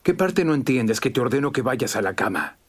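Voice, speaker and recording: A domineering drill sergeant, swinging pitch. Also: male voice, big pitch swings, fairly quick. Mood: stern, impatient. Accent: Latin American Spanish. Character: gruff, impatient army sergeant, dismissive and domineering. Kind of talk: dubbed film acting. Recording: faint background noise.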